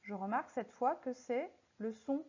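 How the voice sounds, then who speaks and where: A woman teaching a recorded lesson on poetry, speaking slowly and deliberately and stressing words syllable by syllable as she works through exercises. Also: on the high side, mellow, slightly rough. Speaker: French teacher. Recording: slightly muffled lo-fi audio.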